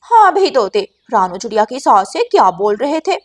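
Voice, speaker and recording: A crafty female crow who runs a shop, voiced by a woman in a cartoon. She talks loudly and bossily, scolding and threatening, in a fairly high voice. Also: sing-song, normal speed. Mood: interrogating. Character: crafty, bossy female crow shopkeeper, bully.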